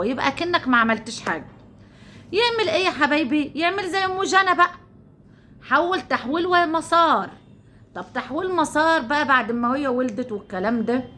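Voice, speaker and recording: A woman's voice: high-pitched, a bit bright, slight background noise. An Egyptian woman vlogger talking casually to her viewers, chatty and repetitive, coaxing them as her dears.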